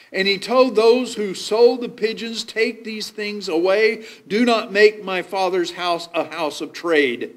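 A man with a high voice delivers a sermon at a pulpit microphone. He talks in a measured way and explains scripture point by point. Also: a bit bright. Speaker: preacher.

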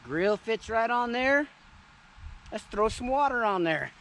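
A man in his thirties casually demonstrating camping gear outdoors, chatting to viewers in a relaxed way. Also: very high-pitched, a little slow, creaky, a little hiss or hum. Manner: relaxed, chatty, addresses viewers as "you guys". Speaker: vlogger showing camping gear. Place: forest clearing outdoors. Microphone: camera on a tripod and handheld selfie camera.

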